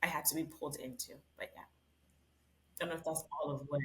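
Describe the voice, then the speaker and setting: A woman from Barbados, a guest in an interview, speaking in a thoughtful, measured way with pauses as she reflects. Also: sits low, steady tone, fairly bright tone. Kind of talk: reflective conversation.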